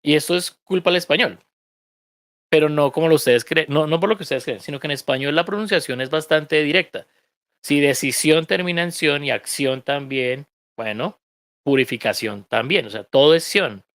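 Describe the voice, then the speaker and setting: A man's voice: on the high side, moderate pace, fairly bright tone, dry recording. A man with a Colombian accent teaching an online English reading class, explaining pronunciation patiently with joking asides.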